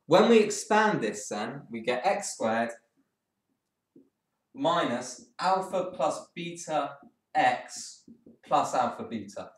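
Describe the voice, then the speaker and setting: A man's voice: mid-range voice, big pitch swings, slow pace, recorded from a distance. A man tutoring through an exam paper in a casual, thinking-aloud way, with frank asides. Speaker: maths tutor. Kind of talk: exam walkthrough lesson. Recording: echoey room, voice off-mic.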